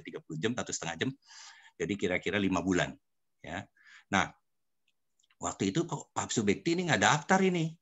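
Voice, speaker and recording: Older guy pastor telling church stories to the congregation, lowish voice, bright edge. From Indonesia. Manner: addresses listeners as "Saudara", storytelling. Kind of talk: church teaching talk with personal stories.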